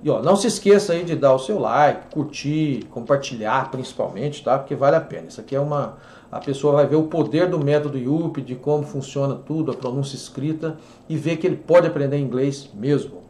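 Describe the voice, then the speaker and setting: A Brazilian man teaching English pronunciation in an online lesson, explaining and repeating words slowly for drilling. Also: medium pitch, a little mellow, echoey room, a little hiss or hum.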